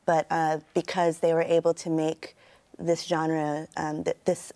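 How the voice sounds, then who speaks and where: A woman in middle age speaks in a somewhat low voice with a standard American accent. She gives conversational interview answers, laying out her thoughts in long, considered explanations. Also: level tone, unhurried, mellow. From United States. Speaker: interview guest, turntablist and sound artist.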